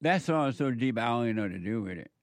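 A man speaking as a smooth radio host on a call-in show, at an ordinary middle pitch. He spells out numbers slowly and twice over. The sound is close and dry, with no room around it. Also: animated, no echo. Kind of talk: call-in talk show hosting.

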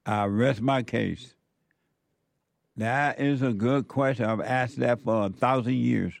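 Gravelly male host preaching slowly. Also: medium pitch, no echo. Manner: slow, emphatic preaching with repeated phrases. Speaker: talk show host. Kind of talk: call-in and viewer-message talk.

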